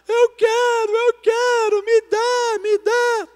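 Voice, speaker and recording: A man's voice: very high voice, level tone, slow pace, a little mellow, big-room sound, pitched above the performer's own voice. A man voicing a crying, demanding toddler girl in a sermon story. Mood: wailing. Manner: wailing, demanding.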